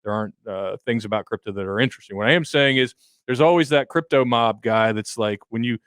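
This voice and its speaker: A man in his fifties co-hosts a radio money show as a financial advisor, talking casually, bluntly and with jokes. His voice sits at a middle pitch. The sound is dry and close to the mic. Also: fast, fairly bright tone, clear, resonant tone, no room sound. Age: 50s. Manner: blunt, joking, folksy analogies.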